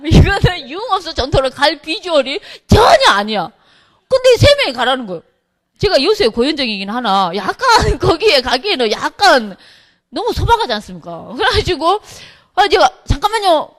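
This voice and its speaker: A middle-aged woman, a pastor's wife, telling a humorous church testimony with lively storytelling, acting out what others said. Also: sits high, normal speed. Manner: lively storytelling, acts out quotes, laughs often.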